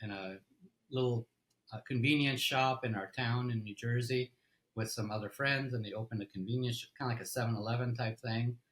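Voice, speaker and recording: A middle-aged man from Egypt, a company CEO, telling his story as an interview guest in a relaxed way, with fillers and restarts. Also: mid-range voice, fairly quick, poor audio.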